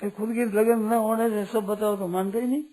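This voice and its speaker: Old swami preaching, husky highish voice, keeps asking how do we find god. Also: male voice, steady tone, moderate pace, warm tone, poor audio. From Rajasthan, India. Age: older. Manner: repetitive, pleading rhetorical questions. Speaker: saint giving a spiritual discourse. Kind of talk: devotional sermon.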